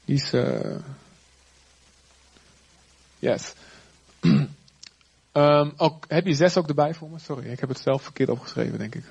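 A man preaching a sermon in a lively, conversational way with chatty asides. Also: on the high side, unhurried, gravelly, long pauses, slightly rough. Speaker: pastor.

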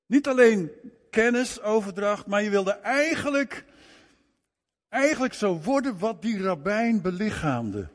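High-voiced man preaching in a reverberant hall. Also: animated, unhurried. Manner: emphatic, repeats words and phrases for stress. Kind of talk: sermon.

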